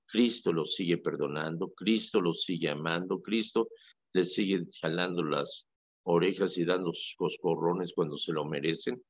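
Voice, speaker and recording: Un sacerdote católico con acento mexicano que conversa en la radio, con un tono animado y enfático, como quien cuenta anécdotas. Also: male voice, deep voice, normal speed, slightly rough, dry recording. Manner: animated, emphatic, storytelling. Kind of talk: casual radio talk. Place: radio studio. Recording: dry lo-fi radio audio.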